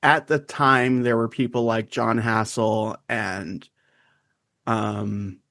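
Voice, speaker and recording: A man co-hosting a podcast in casual chat, wry and quick to laugh. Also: lowish voice, level tone, fairly bright tone, dry recording. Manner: laughs often, wry and self-aware. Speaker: podcast co-host.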